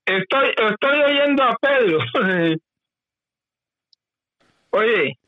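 A man calling in to a live radio show over a phone line, halting and checking whether he is heard. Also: very high-pitched, lively intonation, dry recording. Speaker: caller.

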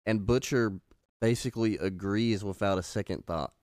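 A man's voice: lowish voice, moderate pace, darkish tone, no echo, clean studio sound. A man co-hosting a podcast in loose casual chat, swearing and saying "bro". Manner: loose, profane, says "bro" a lot. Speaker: podcast co-host.

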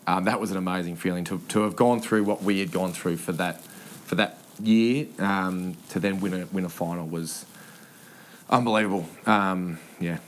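Deep-voiced Australian man, laughing storyteller. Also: steady tone, a little hiss or hum. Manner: laughs often, halting with many ums and restarts. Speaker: former footballer, podcast guest. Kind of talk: casual storytelling interview.

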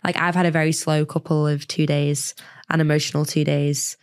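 A woman hosting a podcast in casual chat, her voice weak and husky because she is poorly. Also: deep voice, little pitch movement, a little fast. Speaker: podcast host.

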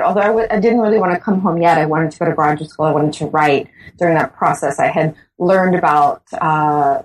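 A woman's voice: deep voice, poor audio. A woman, a guest author recounting her path in a reflective, conversational interview, often restarting and speeding up in bursts. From Bahamas.

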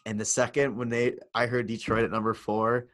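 A man co-hosting a podcast, talking in a casual, excitable, rambling way and swearing freely. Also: mid-range voice, brisk. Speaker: podcast co-host. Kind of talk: casual sports chat.

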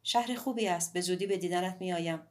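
A warm, frank middle-aged woman musician speaks in an audiobook, as a woman reader puts her on. Her voice is tender and earnest and sits slightly low. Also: natural voice. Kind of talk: audiobook dialogue.

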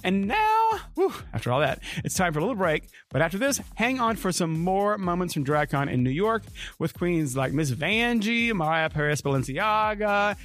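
A man's voice: sits high, animated, moderate pace, a bit bright. A man hosting in a campy, gushing, chatty way, full of playful drag slang. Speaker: podcast host and interviewer. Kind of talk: gushing, chatty event interview and presenting.

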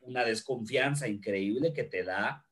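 A man's voice: mid-range voice, a little slow, a bit bright. A man from Guatemala, co-hosting a podcast in joking, crude casual chat. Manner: joking, crude, swears freely. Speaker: podcast co-host.

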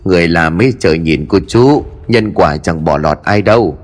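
A man voicing a neighbor woman who speaks low and grave with a sigh. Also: animated, normal speed, faint music behind.

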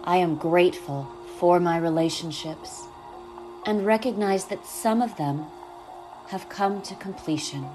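A woman guiding a meditation in a soft, soothing manner, speaking slowly and gently. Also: lowish voice, over music, low-quality recording. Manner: soft, slow, soothing delivery. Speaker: podcast host and meditation guide. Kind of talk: guided meditation.

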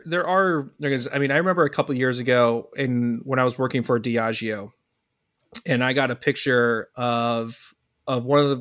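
A man's voice: medium pitch, fairly bright tone. A man co-hosting a podcast, easygoing and chatty, telling stories with many restarts. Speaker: podcast co-host. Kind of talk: casual podcast chat.

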